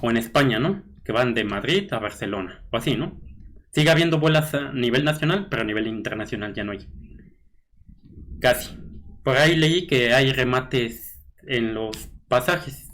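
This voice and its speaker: Slight background noise accompanies this man's mid-range, somewhat bright voice. He's a blogger with a Mexican Spanish accent, reading out news items and musing on them in a relaxed way, full of fillers like "este" and tag questions like "¿no?".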